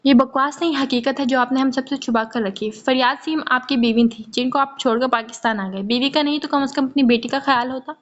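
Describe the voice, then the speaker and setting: A woman's voice: high-pitched, steady tone, hardly any pauses, close to an everyday voice. A woman voicing a young adult son who stands firm against his parents in a muffled lo-fi recording. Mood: accusing. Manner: firm, insistent.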